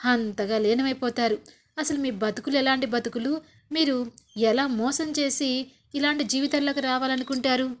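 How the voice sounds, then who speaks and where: A woman voicing a clever young wife who answers back with cutting, indignant retorts. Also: high voice. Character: clever young wife, proud and quick-witted.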